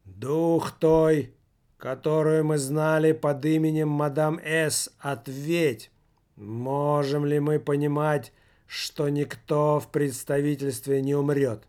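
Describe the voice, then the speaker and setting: A man voicing a solemn, commanding male séance medium who speaks in a droning, detached monotone. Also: on the high side, slow, clean tone. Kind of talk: audiobook character voice.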